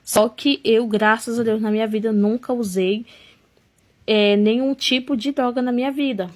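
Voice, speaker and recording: A young woman telling her own life story, emotional and halting, often restarting her sentences. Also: fairly high pitch, fairly even intonation. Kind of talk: personal life testimony.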